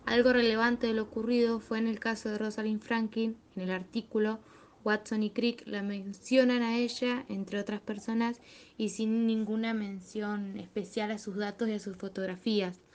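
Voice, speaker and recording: A woman's voice: medium pitch, little pitch movement, moderate pace, darkish tone. A young woman, a student, reading a school presentation steadily, with small fillers.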